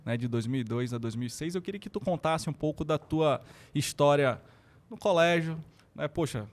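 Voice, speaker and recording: A man's voice: a little high, moderate pace. A Brazilian man hosting a podcast, introducing and questioning his guest in a friendly, enthusiastic way. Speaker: podcast host. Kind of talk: casual podcast interview.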